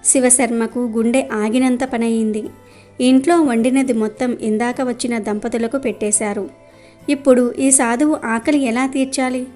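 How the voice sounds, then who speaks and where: A woman narrating a devotional story in a steady, measured storytelling voice. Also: fairly high pitch, faint music behind.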